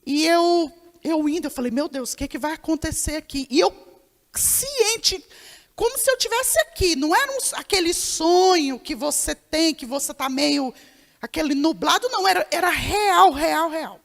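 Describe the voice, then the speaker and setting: A woman's voice: sits high, animated, normal speed, creaky. A woman pastor telling a testimony in a sermon, acting out the dialogue and calling out to the congregation. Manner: storytelling, acts out dialogue, addresses congregation as irmão. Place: church hall. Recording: long hall reverb.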